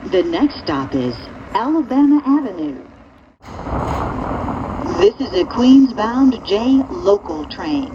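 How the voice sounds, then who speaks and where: A female transit announcer speaks formally and deliberately with lively intonation over the public-address speakers inside a subway train. The recording is dull and noisy, with the moving train rumbling in the background.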